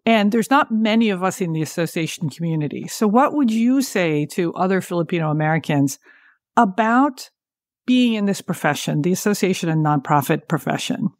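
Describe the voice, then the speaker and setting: A woman's voice: on the low side, expressive, moderate pace, no room sound, clean studio sound. Conversational woman hosting a podcast. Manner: conversational, asks open questions. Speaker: podcast host. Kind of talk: podcast interview.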